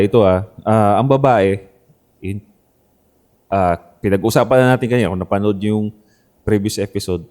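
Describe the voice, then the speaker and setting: A man's voice: medium pitch, a little mellow. A man co-hosting a podcast, talking in a laid-back way and explaining at length. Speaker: podcast co-host. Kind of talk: casual chat.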